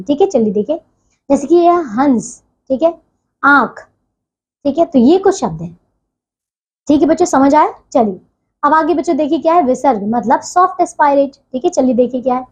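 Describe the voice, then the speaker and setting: A woman teaching a grammar lesson to children, slowing down to spell out each sound and checking in again and again. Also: high voice, a little mellow. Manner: repeats "ठीक है" as a check-in, slows to spell out sounds. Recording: dull lo-fi audio.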